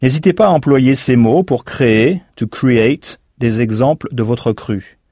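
A man's voice: medium pitch, unhurried, warm tone, husky, dry recording, studio quality. A man teaching in a recorded language course, explaining patiently and spelling words out letter by letter. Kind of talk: recorded language lesson narration.

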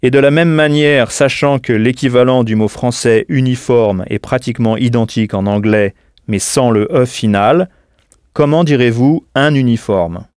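A man teaching a scripted audio language lesson, explaining clearly and patiently and pausing for answers. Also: medium pitch, darkish tone, no echo, studio quality.

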